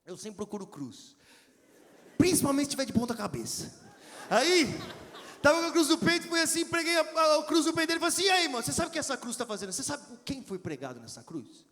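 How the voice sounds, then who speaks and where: A man's voice: very high-pitched, sing-song, quick pace, a bit bright, a little hiss or hum. A man with a Brazilian Portuguese accent telling a casual, slangy sermon story to a conference audience, acting out the dialogue. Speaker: preacher at a youth conference. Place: large hall with audience. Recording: long hall reverb, crowd murmur.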